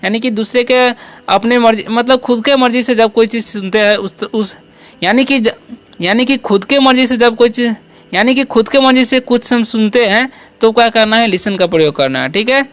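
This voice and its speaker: A man's voice: very high voice, normal speed, a bit bright. A man teaching basic English words, often repeating questions to his students. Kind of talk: spoken English lesson.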